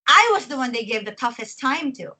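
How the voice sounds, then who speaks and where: Woman, forties, from the Philippines, chatty, laughs a lot, slightly high, bright tone. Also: very animated, brisk, husky, low-quality recording. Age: 40s. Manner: chatty, laughs often between phrases. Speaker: professional wrestler guest. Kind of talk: casual interview chat.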